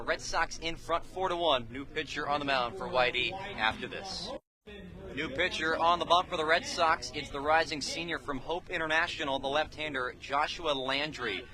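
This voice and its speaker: A man with a sharp, somewhat high voice gives live radio play-by-play of baseball. His phrases are clipped and descriptive, and he's positioned beside the field at an outdoor ballpark.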